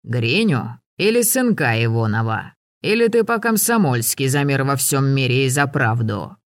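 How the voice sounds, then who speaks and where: A man voicing a gruff, sardonic old hunter who barks orders and teases. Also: mid-range voice, sing-song, moderate pace, no echo, clean studio sound, close to an everyday voice. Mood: gruff mocking.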